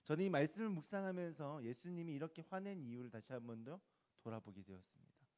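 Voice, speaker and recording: A male pastor in his thirties preaches to teenagers, his fairly high voice leaping up for emphasis and then falling low and hushed. He keeps it conversational and asks the listeners questions as he talks. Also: fast. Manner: lively, swings between loud emphasis and soft hushed asides. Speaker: youth pastor. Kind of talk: youth sermon.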